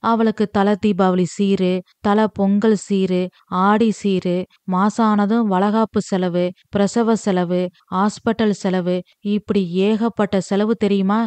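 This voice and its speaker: A woman voicing a grown son who bitterly protests over the family's debts, talking fast and exasperated. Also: mid-range voice, flat delivery, a little mellow, clear, resonant tone, no room sound, natural voice.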